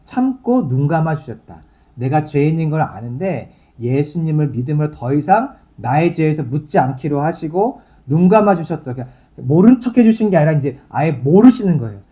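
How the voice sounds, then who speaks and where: A man's voice: on the high side, very animated, normal speed, warm tone. A male pastor giving a sermon in a conversational, explaining way, reading scripture aloud and then talking it through for his congregation.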